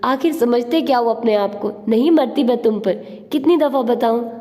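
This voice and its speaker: Woman reading as a sharp-tongued young woman. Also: on the high side, moderate pace, long reverb tail, lightly acted. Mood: indignant. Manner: scolding, indignant.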